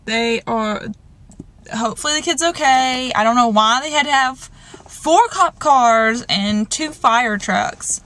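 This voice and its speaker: Young woman, slightly high voice, jittery rambling car vlog, shaken. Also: bright, forceful tone. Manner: rambling and jittery, many fillers and restarts. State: shaken and nervous. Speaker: vlogger. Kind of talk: casual vlog in a parked car. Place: inside a parked car. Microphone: handheld camcorder.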